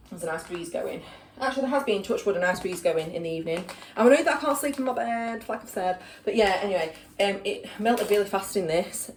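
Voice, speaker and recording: Chatting to camera indoors in her home kitchen, a young woman with a Yorkshire accent rambles along, full of fillers. She's a vlogger from Yorkshire with a mid-range voice, recorded on a distant mic in an echoey room with some background noise.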